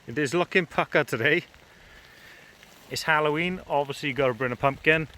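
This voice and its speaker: This British camping vlogger's fairly high voice sounds brisk, pushed, and bright as he chats informally on camera. He's outdoors in farmland and woods, speaking off the cuff, in a clearly noisy outdoor recording.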